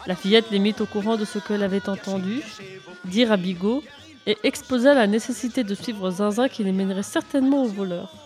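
A woman reading a children's adventure story aloud, lifting her voice for the characters' lines. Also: fairly quick. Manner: lively, raising pitch and volume for dialogue. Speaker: narrator. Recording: faint music behind. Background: faint music.

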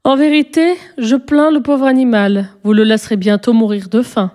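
A woman's voice: a little high, steady tone, moderate pace, mellow, close to an everyday voice. A woman voicing a cheeky young boy in a storybook reading, skeptical and teasing. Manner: mocking, skeptical.

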